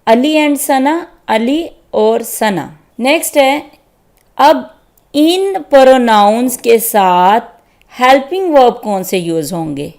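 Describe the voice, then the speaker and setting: Her voice a little high, expressive, slow and slightly mellow, a woman walks beginners through English grammar step by step. She checks in patiently with her listeners, often asking "theek hai."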